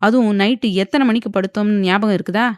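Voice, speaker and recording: A woman's voice: medium pitch, fairly even intonation, fast, a little mellow, dry recording, studio quality, close to an everyday voice. A woman voicing an irritable young husband who scolds and mocks his wife. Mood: irritated. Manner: grumbling, scolding, mocking.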